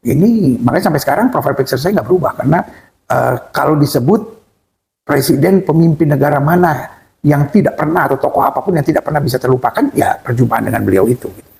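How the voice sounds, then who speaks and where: A male pastor recounts a story as an interview guest, talking quickly with plenty of exclamations. His voice sits a little high and carries a gravelly, fry-tinged edge. He races through some phrases and drags out others for effect. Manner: excitable, exclaims often, speeds up and slows down for effect. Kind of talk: animated storytelling in a conversational interview.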